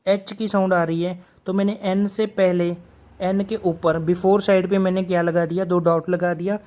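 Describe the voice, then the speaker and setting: A man's voice: high voice, a little mellow. Patient man teaching a lesson. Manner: patient, repeats each example word twice. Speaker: shorthand teacher. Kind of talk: video lesson explaining.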